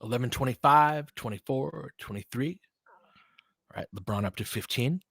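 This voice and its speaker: This play-by-play commentator calls a live basketball game in terse phrases, breaking in with casual, fan-like remarks between plays. His mid-range voice is creaky, slightly rough, and a bit bright at a moderate pace, recorded with clean studio sound and no room sound.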